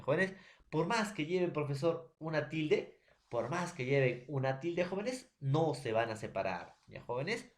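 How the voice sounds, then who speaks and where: Male teacher, Peruvian accent, patient explainer who keeps asking if the class follows, mid-pitched. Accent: Peruvian Spanish. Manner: explains slowly with a homely story, checks in with questions. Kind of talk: recorded classroom lesson.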